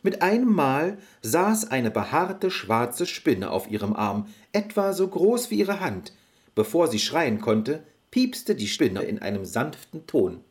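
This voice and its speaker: A man narrating a fairy-tale audio story in an expressive storybook manner. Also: mid-range voice, takes it slowly.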